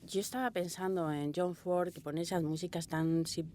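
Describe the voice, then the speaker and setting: Speaking at normal speed, a slightly low-voiced woman with a Castilian Spanish accent answers interview questions about her work directing audio drama. She's expressive and rambling, tells anecdotes and acts out dialogue, and the small sound booth recording carries a little hiss or hum.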